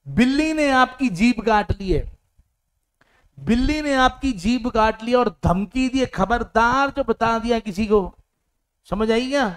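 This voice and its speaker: A man teaching English idioms in a mix of Hindi and English. He explains each one through an imagined little story with acted-out lines, and reads the English example sentences slowly. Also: extremely high pitch.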